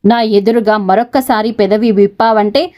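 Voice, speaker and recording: A woman's voice: medium pitch, fairly even intonation, moderate pace, darkish tone, natural voice. A woman voicing an angry, protective young man in an audio story, speaking in a harsh, threatening, scornful way. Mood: stern, threatening.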